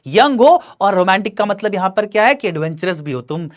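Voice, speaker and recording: A young man teaching an English lesson. He reads the text slowly and then explains it quickly. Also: high-pitched, animated. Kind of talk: bilingual literature lesson, reading and explaining.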